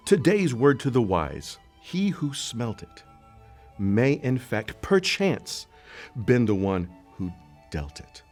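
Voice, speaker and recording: A man playing a pompous, self-important advice-show host who talks in a grandiose, over-deliberate way and fusses about how his name is said. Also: mid-range voice, a little mellow. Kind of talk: comedy skit acting.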